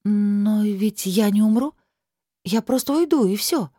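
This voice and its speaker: A frightened young heroine, pleading in a tense, raised voice, played by a woman reading the story. The read is dry and close, with a mellow tone. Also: mid-range voice, unhurried, no room sound, pitched above the performer's own voice, lightly acted.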